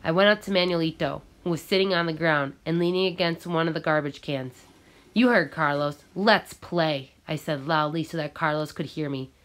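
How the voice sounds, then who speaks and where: Woman, reading a novel aloud, measured, expressive, lowish voice. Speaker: audiobook reader.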